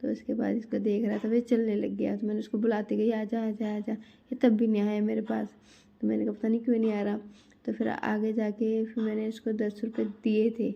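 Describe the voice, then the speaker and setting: A woman's voice: medium pitch, monotone, fairly quick, creaky, lo-fi sound. A woman in her thirties telling a family outing story in a chatty casual vlog, talking straight to her viewers. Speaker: vlogger.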